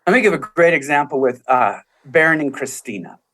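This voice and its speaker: A man's voice: fairly high pitch, animated, fairly quick, fairly bright tone. Earnest man telling stories, raised voice. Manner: earnest storytelling, acts out quoted voices. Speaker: podcast guest, author. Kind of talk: casual interview talk.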